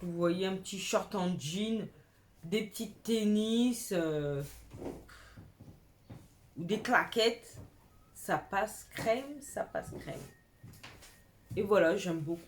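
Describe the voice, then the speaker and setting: Young woman, fashion vlogger, chatty and gushing, unhurried delivery, casual slang. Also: mid-range voice, slight background noise. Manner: chatty, enthusiastic, uses slang. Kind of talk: casual clothing haul chat.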